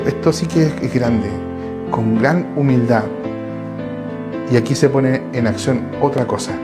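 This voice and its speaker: Earnest Chilean preacher over soft guitar. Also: male voice, medium pitch. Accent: Chilean Spanish. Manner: earnest, repeats phrases, frequent restarts. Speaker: lay preacher. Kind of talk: Bible study sermon. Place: his home.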